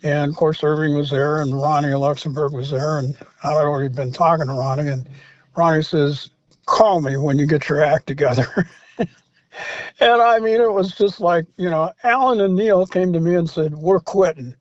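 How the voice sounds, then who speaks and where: Older man, slightly high voice, rambling storyteller, dull dry recording. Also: normal speed, no room sound. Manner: rambling anecdotes with many fillers and restarts. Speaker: interview guest, former rock singer. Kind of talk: storytelling in a casual interview.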